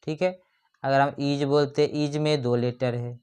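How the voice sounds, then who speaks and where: A grammar teacher giving an explanatory lesson, reading definitions slowly and then explaining them with rhetorical questions. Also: mid-range voice, steady tone, a little mellow, smooth.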